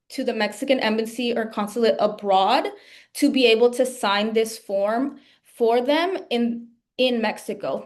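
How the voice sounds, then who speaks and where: Woman, fairly high voice, slow unhurried pace, measured webinar explainer. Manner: measured, with "um" fillers. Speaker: presenter at an online information session.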